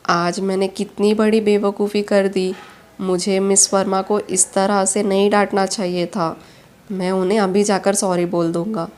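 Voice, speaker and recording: An earnest, pleading young boss in a spoken romance story, as a woman reads him in her own voice. He talks slowly and drawn out, remorseful and smitten. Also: mid-range voice, level tone, darkish tone, lightly acted. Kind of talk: storybook character reading.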